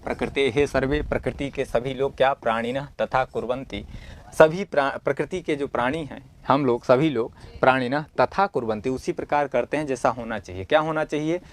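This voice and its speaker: In a brisk, mid-range voice, a male teacher covers a model Sanskrit exam paper, reading lines aloud and explaining them in plain Hindi. He asks questions of the class and answers them himself, staying homely and encouraging with everyday comparisons.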